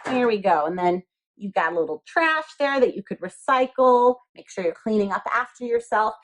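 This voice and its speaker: An elementary school craft teacher, a woman with a medium-pitched voice, guides young children through a craft step by step at a moderate pace. Her intonation is lively, and she explains simply and patiently, repeating phrases and asking little questions.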